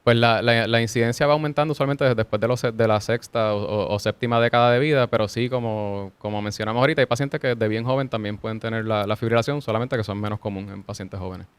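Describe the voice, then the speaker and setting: A man explaining heart rhythm problems as a cardiologist guest, measured and explanatory, with small restarts. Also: lowish voice, fairly even intonation, smooth. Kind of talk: explanatory interview answers.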